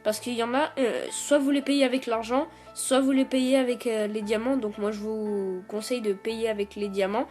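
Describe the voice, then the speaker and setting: A woman with a fairly high voice explains a phone setup in a loose, casual tutorial. She hesitates often, filling gaps with little sounds and restarting phrases. Faint music plays underneath. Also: fairly even intonation, normal speed, hardly any pauses, a little mellow. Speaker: YouTube tutorial host. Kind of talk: casual screen-recorded tutorial.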